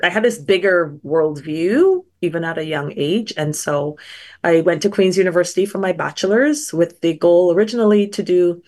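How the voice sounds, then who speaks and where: A woman's voice: on the low side, lively intonation, moderate pace, a little mellow. A middle-aged woman from Barbados, a scientist guest telling her story in a thoughtful, earnest way. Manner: thoughtful, earnest, frequent small restarts. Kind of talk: reflective personal storytelling.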